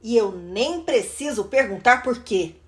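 A woman, reading a children's book aloud in a lively, animated way. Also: a little high, unhurried. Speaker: storybook reader.

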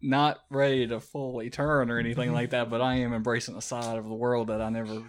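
Guy cohosting a podcast, middle pitch, rambles w lots of ums and laughs. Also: flat delivery, fairly quick. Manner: rambling, filler-heavy, laughs often. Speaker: podcast co-host. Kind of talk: casual chat.

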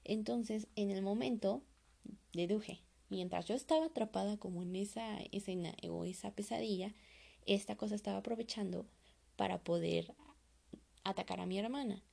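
A woman recounts an eerie personal experience in a casual, rambling style, leaning on fillers as she goes. Her voice is dark and mellow, with a strong gravelly fry running under nearly every phrase. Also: mid-range voice, normal speed. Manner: loose conversational telling with frequent fillers. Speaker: storyteller. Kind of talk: casual first-person horror story.

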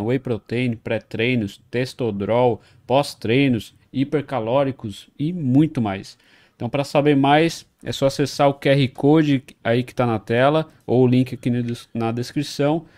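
A man's voice: mid-range voice, a little mellow. A man co-hosting a podcast, reading sponsor spots in a conversational way with tag questions. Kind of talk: sponsor read in casual chat.

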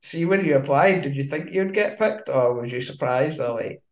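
A man's voice: fairly high pitch, expressive, normal speed. A man with a broad Scottish accent hosting a podcast in an informal, matey, slangy way. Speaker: podcast host. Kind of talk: casual interview chat. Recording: echoey room sound.

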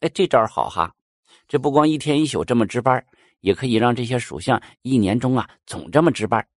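A man's voice: mid-range voice, lively intonation, brisk, dry recording, clean studio sound. A man voicing a pleased lord of heaven.

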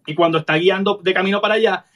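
A man's voice: high-pitched, racing, highs cut off. A man telling funny family stories in casual chat, acting out the people he quotes. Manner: animated anecdote teller, acts out quoted voices.

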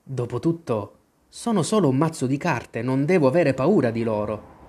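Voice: mid-range voice, animated, moderate pace, mellow, natural voice. The narrator voicing Alice, a polite, curious little girl who speaks timidly. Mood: musing.

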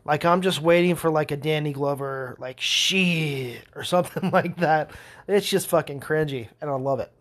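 A man's voice: on the high side, fairly quick. A young man hosting a podcast, telling rambling stories in a casual monologue, swearing a lot and laughing as he goes. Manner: rambling, profane, laughing storyteller. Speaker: podcast host.

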